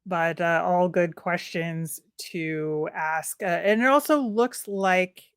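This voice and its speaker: A woman's voice: fairly low pitch, takes it slowly, smooth, dry recording, studio quality. A woman co-hosting a sports podcast, chatting casually and thinking aloud with plenty of fillers. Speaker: podcast co-host.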